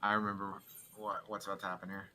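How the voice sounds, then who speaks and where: A young man hosting a casual let's play, chatting with a friend in a rambling, quick way. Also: on the low side, completely flat delivery, pushed and bright, slight background noise. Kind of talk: casual gaming chat.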